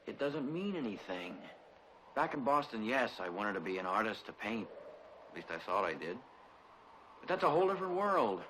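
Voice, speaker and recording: A hesitant young artist. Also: male voice, on the low side, very animated, normal speed, sharp tone, a little hiss or hum, low-quality recording. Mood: troubled. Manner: hesitant, apologetic. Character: self-doubting young man, would-be artist. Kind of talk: 1960s TV western acting.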